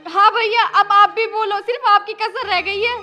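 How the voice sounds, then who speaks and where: A woman as a shrill aggrieved college girl. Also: fairly even intonation, normal speed, bright, forceful tone. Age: young adult. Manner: complaining, tearful. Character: aggrieved young college girl, tearful and defiant.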